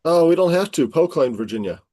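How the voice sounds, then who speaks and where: A man's voice: fairly high pitch, lively intonation, fairly quick, dark tone, no room sound. A man talking as a guest scholar on an interview podcast, explaining history in a storytelling way.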